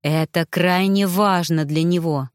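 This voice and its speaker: A courteous ghostly officer from a storybook, as a woman reader lowers her voice for him, formal and earnest. The reading is close and dry. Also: fairly even intonation, a little slow, clean tone, no room sound, close to an everyday voice. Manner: formal, apologetic.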